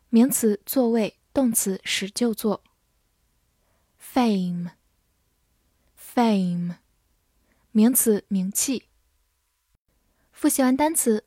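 A woman teaching English vocabulary in a scripted lesson, reading each word twice and then its meanings in an even way. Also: a little high, dry recording, studio quality. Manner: slow, even reading of words and definitions.

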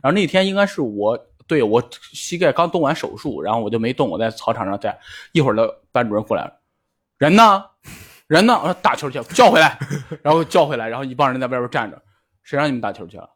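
A man, a podcast co-host, telling a school memory in a relaxed, chatty way. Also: medium pitch, fast, husky. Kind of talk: casual chat, storytelling.

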